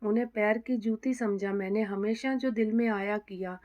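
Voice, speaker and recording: A woman's voice: mid-range voice, fairly even intonation, normal speed, a little mellow, lo-fi sound, natural voice. A woman voicing a remorseful, guilt-ridden young pregnant daughter-in-law who speaks in anxious, self-reproaching tones.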